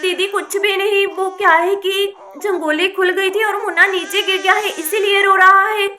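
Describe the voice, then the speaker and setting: A woman doing a fretful young aunt in a doll story, very high, bright voice. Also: fairly even intonation, moderate pace. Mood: pleading. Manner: fretful, pleading. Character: young village woman minding her sister's baby.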